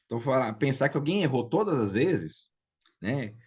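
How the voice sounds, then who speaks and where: A man's voice: mid-range voice, sing-song, normal speed, a little mellow, husky, lo-fi sound. A man with a Brazilian Portuguese accent teaching a live biblical Hebrew class, patient and checking in with students as he goes. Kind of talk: live online class, explaining and drilling pronunciation.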